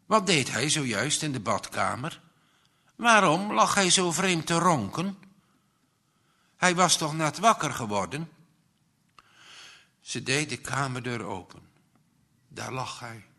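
Slow, expressive male storyteller. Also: a little high. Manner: slow, expressive delivery with pauses. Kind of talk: dramatic story reading.

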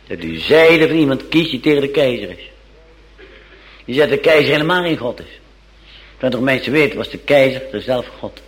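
A man's voice: mid-range voice, lively intonation, moderate pace, low-quality recording. A male preacher telling a Bible story as a sermon, dramatic and fond of repeating phrases.

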